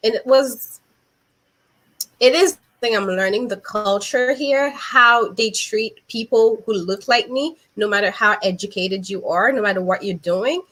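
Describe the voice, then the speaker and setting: A woman's voice: medium pitch, measured pace, a bit bright. A young woman hosting a casual video-call interview, speaking thoughtfully and building her points step by step. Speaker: host.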